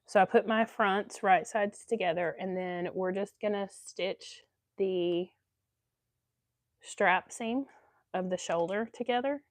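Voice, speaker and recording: Speaking slowly at a medium pitch, a sewing channel host chats through a casual livestream in clean, echo-free studio sound. She sounds stuffy from allergies and fills her rambling with ums.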